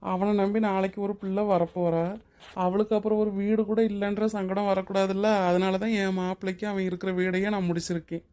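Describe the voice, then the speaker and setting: Played by a woman, a generous middle-aged husband in a cartoon speaks with a level, even tone. He talks in a warm, steady, reassuring way to his wife and her brother. His pitch stays flat and mid-range. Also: brisk, natural voice. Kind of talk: Tamil cartoon drama voice acting.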